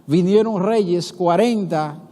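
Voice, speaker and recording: A Dominican pastor with a high voice preaches in an animated, conversational way and keeps asking the congregation questions. His words ring out with a long reverb inside the church sanctuary. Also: takes it slowly. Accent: Dominican Spanish. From Dominican Republic. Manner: animated storytelling, acting out dialogue between biblical figures. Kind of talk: sermon.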